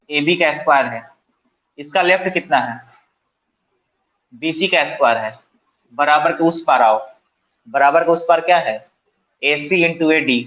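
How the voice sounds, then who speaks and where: A male math tutor with a Bihari accent talks through a lesson in a coaching classroom, voice a little higher than most men's. He keeps quizzing students and answering himself, slipping English terms into casual Hindi. The recording sounds slightly muffled and lo-fi. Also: a bit bright. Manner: asks students questions and answers them himself.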